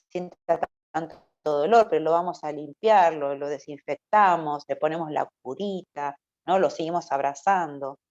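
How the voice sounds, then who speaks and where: A woman's voice: low voice, a little mellow. A woman with a River Plate Spanish accent preaching a conversational sermon to young people in a church, often stopping to ask "¿no?". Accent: Rioplatense Spanish. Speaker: youth preacher. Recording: dull lo-fi recording.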